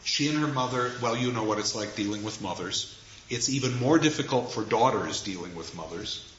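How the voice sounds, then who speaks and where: A man's voice: medium pitch, lively intonation, fairly quick, a bit bright, slight background noise. Wry male lecturer in an echoey hall. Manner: wry storyteller, chuckling at his own asides. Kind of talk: anecdotal lecture. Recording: echoey, dull room recording with faint ambience.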